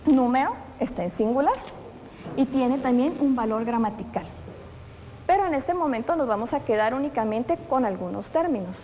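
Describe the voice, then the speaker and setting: A woman's voice: sits high, expressive, moderate pace, warm tone. A woman teaching a televised grammar lesson to children, asking questions and then answering them as she speaks directly to the pupil. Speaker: primary school teacher. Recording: reverberant room with faint noise.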